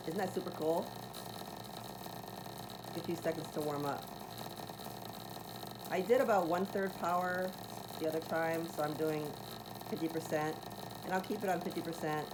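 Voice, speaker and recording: In a casual home demo vlog, a woman shows off a device in a deep, raspy voice. She's eager and chatty, wandering off track with lots of ums and restarts, and faint noise can be heard behind her.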